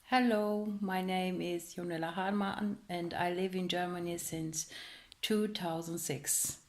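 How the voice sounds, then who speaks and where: Slow-spoken woman. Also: lowish voice, steady tone. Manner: slow, halting, searching for words. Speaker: interviewee. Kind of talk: personal testimony to camera.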